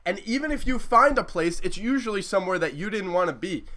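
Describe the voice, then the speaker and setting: A man's voice: high-pitched, animated, quick pace, sharp tone. An eighteen-year-old man co-hosting a podcast, ranting at length in a casual, passionate way and swearing often. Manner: swears a lot, talks in long passionate run-on points. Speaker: podcast co-host.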